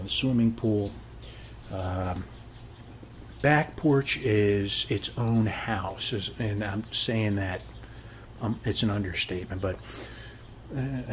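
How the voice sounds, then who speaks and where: There's a little hiss or hum behind this American man's lowish, dark-toned voice as he acts out an ASMR role as a boastful, gabby suburban neighbor. He wanders folksily from topic to topic and keeps checking in with the listener.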